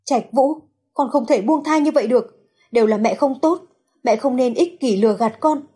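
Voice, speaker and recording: A woman's voice: a little high, normal speed, darkish tone, slightly rough. A woman voicing a grieving middle-aged mother who pleads tearfully with her dying son and her husband. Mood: desperate sobbing.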